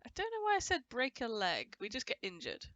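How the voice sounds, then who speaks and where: A woman with a cold chats through her gameplay in a casual, rambling let's-play, often restarting her sentences, and her voice sounds a bit off. It sits on the high side and swoops wildly in pitch, with a brisk pace and a fairly bright tone. There's a little hiss or hum in the recording.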